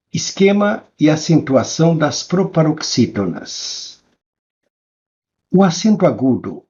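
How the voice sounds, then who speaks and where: Guy teaching a lesson, slow and careful, lively pitch, dull lo-fi sound. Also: breathy edge. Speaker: Portuguese teacher. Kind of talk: scripted lesson narration.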